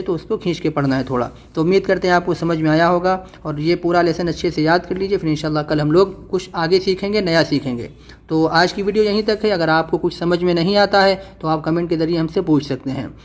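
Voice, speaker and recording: A man teaching Quran reading, drawing out letter sounds slowly and then explaining quickly. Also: a little high. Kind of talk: spelled-out reading lesson.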